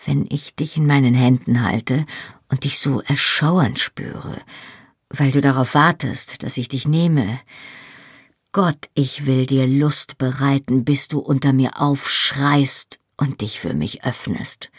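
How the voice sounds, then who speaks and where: A tender young Scottish husband murmurs low and teasing, as an audiobook reader puts him on. The voice is gravelly and a touch husky, close and dry, with little pitch swing. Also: steady tone, slow pace, no echo. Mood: intimate, playful. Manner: soft, intimate, often whispered. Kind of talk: audiobook reading.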